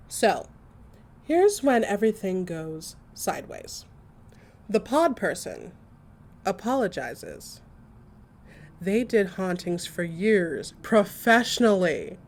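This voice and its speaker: Using a full character voice on the low side, a woman performs a comic audio drama monologue as an excitable, talkative gossip, dramatically and emphatically recounting stories to a friend.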